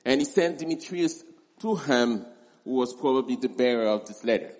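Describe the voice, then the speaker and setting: A male pastor preaching a verse-by-verse sermon, speaking deliberately and repeating key words for emphasis. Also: mid-range voice, animated, darkish tone. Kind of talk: expository sermon. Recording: long reverb in a large hall.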